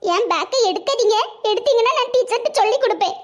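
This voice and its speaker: A woman's voice: very high voice, fast. A woman doing a whiny tattletale schoolgirl. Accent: Tirunelveli Tamil. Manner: whining, complaining. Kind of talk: comic cartoon voice acting.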